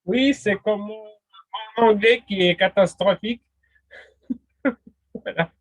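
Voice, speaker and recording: A man's voice: high-pitched, slow, no echo. A man teaching linguistics in a casual spoken lesson, hesitant, full of fillers and restarts. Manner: laughs readily.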